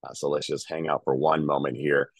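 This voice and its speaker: A man's voice: very deep voice, flat delivery, brisk, creaky, breathy edge, no echo. A man with a nasal voice from a cold, hosting a webinar in an upbeat, chatty way over a video call. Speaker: host. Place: home, calling in.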